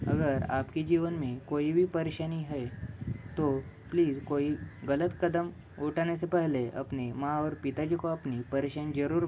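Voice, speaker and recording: Slow, earnest male storyteller. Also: on the high side, muffled recording, a little hiss or hum. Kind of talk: moral story narration.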